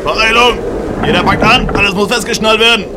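A man's voice: high voice, fairly even intonation, fairly quick, lightly acted. A man playing an anxious fisherman in a children's radio play, calling out urgently over the wind. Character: anxious fisherman disciple caught in a storm at sea. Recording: loud storm, wind and water noise. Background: roaring wind and waves.

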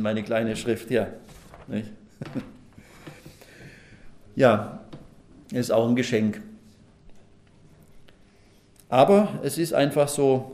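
A man's voice: medium pitch, gravelly, darkish tone. A middle-aged man preaching a sermon at a lectern, folksy and chatty, asking the congregation questions. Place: church hall at a lectern. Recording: echoey room.

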